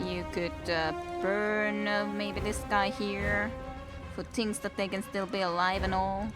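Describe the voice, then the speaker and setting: The streamer, a Finnish woman, speaks in a mid-range voice with little pitch movement and no hurry. She keeps up a wry, wandering commentary on her video game, talking to her chat and herself over game music.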